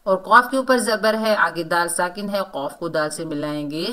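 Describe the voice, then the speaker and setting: A woman teaching Quran recitation rules, explaining each sound and then reciting words slowly. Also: on the low side, bright, forceful tone. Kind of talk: tajweed lesson, explaining and reciting.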